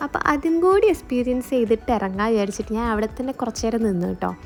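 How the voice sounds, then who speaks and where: A woman's voice: on the high side, expressive, racing. A Malayali woman narrating a travel vlog casually, mixing English words into her Malayalam. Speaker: travel vlogger. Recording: music behind the voice. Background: music.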